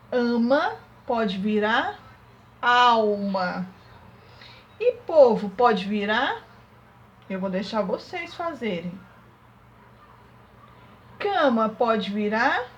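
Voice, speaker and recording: A woman teaching a young class remotely, working through exercises step by step and sounding out syllables slowly. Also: fairly high pitch, dull audio, a little hiss or hum. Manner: slow, syllable-by-syllable dictation. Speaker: primary school teacher.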